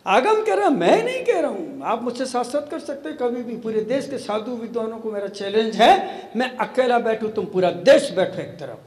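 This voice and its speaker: A man's voice: extremely high pitch, very animated, moderate pace, darkish tone. A man, a monk, giving a sermon to an audience, teasing and challenging his listeners with rhetorical questions. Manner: challenging, teasing, rhetorical, mixes in English phrases. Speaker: Jain monk preacher. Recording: echoey hall with long reverb.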